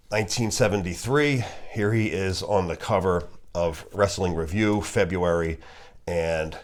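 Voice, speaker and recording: A low-pitched man speaks with a broken nose that leaves his breathing a little off. He presents magazine covers in an unscripted commentary, halting often between short phrases. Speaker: wrestling magazine collector presenting a video.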